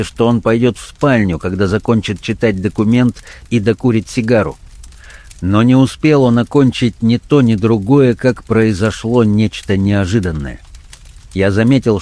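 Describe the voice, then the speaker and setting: A man narrating an audiobook in a measured, even reading. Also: lowish voice, no echo.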